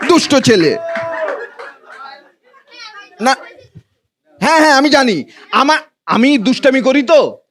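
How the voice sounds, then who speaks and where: A man's voice: extremely high pitch, big pitch swings, slow pace, long pauses, fairly bright tone. A man with a Bangladeshi accent performing stand-up comedy to a live audience, with colloquial, teasing banter. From Noakhali, Bangladesh.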